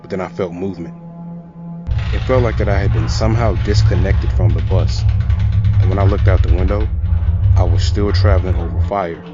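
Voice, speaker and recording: A man's voice: deep voice, steady tone, brisk, long pauses. A man narrating a first-person horror story in a tense, dramatic way. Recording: lo-fi with music and crowd sound.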